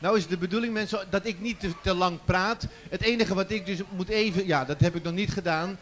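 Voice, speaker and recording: Man, stage host, chatty and teasing, fairly high voice, handheld microphone, festival tent. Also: fairly quick, fairly bright tone, slight background noise. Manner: jokey, chatty, teasing the audience. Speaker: presenter of a children's song contest. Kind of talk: live stage hosting. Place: large festival tent before an audience.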